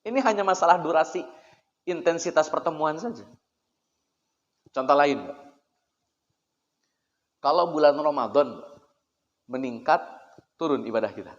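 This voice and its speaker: A man lectures on faith in a casual, talkative way, pausing to put questions to his listeners and answering them himself. His voice sits a little high for a man. The recording is dull and lo-fi, with a long echo from the hall around him. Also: lively intonation. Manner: chatty, poses rhetorical questions, keeps addressing listeners as sir. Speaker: Islamic preacher. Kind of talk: conversational religious lecture. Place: prayer room. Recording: echoey hall, dull lo-fi sound.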